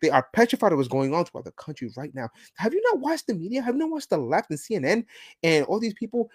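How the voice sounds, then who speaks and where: A man's voice: high-pitched, sing-song, quick pace, slightly rough. A man hosting a podcast, giving an emphatic, ranting political commentary monologue. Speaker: podcast host.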